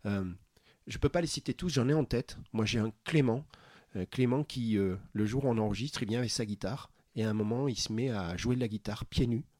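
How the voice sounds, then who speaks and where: A man, a podcast host, talking earnestly about his interviews in a warm, heartfelt way, often restarting his sentences. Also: mid-range voice, a little fast, no room sound, studio quality. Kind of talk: conversational interview storytelling. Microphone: studio microphone.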